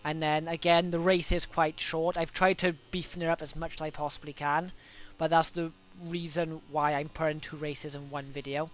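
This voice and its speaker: A young Welsh man with a fairly high, smooth, clear and slightly bright voice talks through his racing laps as a gaming video host, with a cold coming on. His casual gameplay commentary is loose and chatty, full of ums and quick self-corrections, and his pitch moves little.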